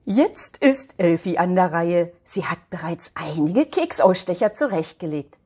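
An older woman, a grandmother, reading a children's book aloud in a soft, often whispery storytelling voice. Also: fairly low pitch, animated, a little slow, slightly rough.

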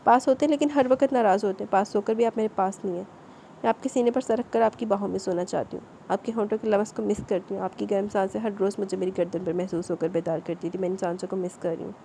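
A woman's voice: medium pitch, steady tone, gravelly, mellow, a little hiss or hum, close to an everyday voice. A woman voicing an emotional young village bride who pleads tearfully with her husband.

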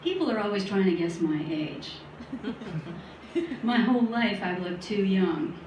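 Deadpan middle-aged woman doing stand-up. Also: mid-range voice, unhurried. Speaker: stand-up comedian. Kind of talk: stand-up comedy set. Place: small studio at a comedy night. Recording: roomy, distant live recording with faint noise.

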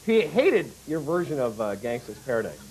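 A man's voice: mid-range voice, very animated, normal speed, a little mellow, husky, poor audio. A jokey, playful man hosting a comedic late-night chat show, heard from a worn videotape copy. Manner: jokey and playful, breaks into laughs. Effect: worn VHS tape copy. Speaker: talk show host. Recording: hissy worn videotape dub.

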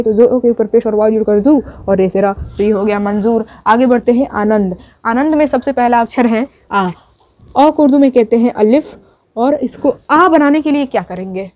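A woman's voice: fairly high pitch, moderate pace. Patient woman teaching writing step by step. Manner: patient, repeats each step, checks in with students. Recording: dull lo-fi audio.

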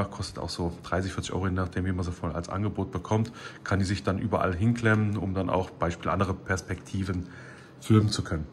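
Low-voiced guy doing a casual gear vlog, kinda rambly, bit of background noise. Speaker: motovlogger presenting his helmet camera setup. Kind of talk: casual product walkthrough.

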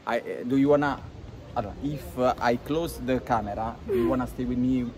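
A man in his thirties with an Italian accent, live streaming in a casual, flirtatious, excitable way and often repeating his phrases. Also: mid-range voice, moderate pace. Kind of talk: casual live street vlog, switching between languages. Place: outdoors on a city street by a road. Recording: noisy city street with traffic.

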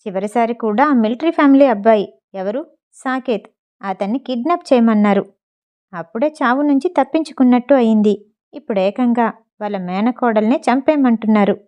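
A woman's voice: a little high, a little fast, warm tone, natural voice. A woman voicing a sneering male hired thug who talks in a mocking, irritated way over the phone.

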